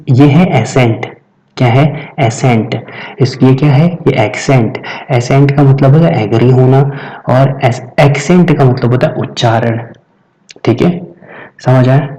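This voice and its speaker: A man with a mellow, medium-pitched voice teaches English vocabulary, explaining patiently and repeating every answer for his students. The recording is rough.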